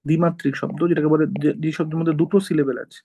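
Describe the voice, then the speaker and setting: Male teacher, informal lecture, gravelly voice pitched a little high, patient step-by-step explainer. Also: flat delivery, rapid-fire, warm tone, rough recording. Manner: explains step by step, often checks with "ঠিক আছে?".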